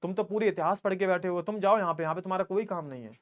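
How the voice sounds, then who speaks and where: A man's voice: high-pitched, racing, muffled recording. A man in his twenties teaching an online class in a chatty, teasing way, reading student comments aloud and joking with them. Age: 20s. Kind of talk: live online class lecture.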